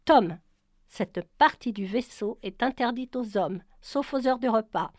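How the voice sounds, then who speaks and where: A woman's voice: a little high, expressive, measured pace, no room sound, clean studio sound. A woman reading the part of a young male spaceship commander in a storybook, speaking curtly and with authority. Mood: stern. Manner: curt, commanding.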